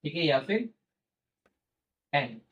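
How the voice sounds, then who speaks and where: A man teaching chemistry in a classroom-style lecture, asking questions and answering them himself, slowing down to spell out formulas, and gently teasing his students. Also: fairly high pitch, sing-song, dull audio. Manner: asks questions and answers them himself, repeats key terms; playfully teasing toward students.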